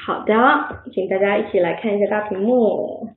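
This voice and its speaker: Over a video call, a woman teaches English vocabulary, encouraging and praising her students while drilling words through repetition. Her voice is mid-range and normal in speed. The line sounds tinny and phone-like, the room echoes, and there's slight background noise.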